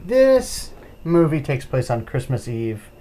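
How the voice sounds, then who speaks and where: A man co-hosting a casual film review podcast, playful, his volume swinging widely from soft to loud. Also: mid-range voice, sing-song, takes it slowly. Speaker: podcast co-host.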